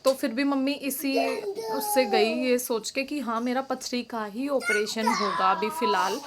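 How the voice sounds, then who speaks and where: A woman's voice: on the high side, animated, unhurried, heavy background noise. A young woman talking casually in a home vlog, explaining at length with many fillers and restarts. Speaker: vlogger.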